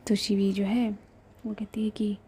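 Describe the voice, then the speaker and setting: A young woman telling a love story in a hushed, intimate whisper with chatty asides to viewers. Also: mid-range voice, little pitch movement, a little slow, slight background noise.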